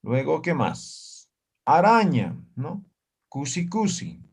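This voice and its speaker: A man teaching an online language class. He repeats each word slowly and keeps checking with the class by asking "¿no?" and "¿ya?". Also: a little high, very animated, creaky, darkish tone, breathy edge.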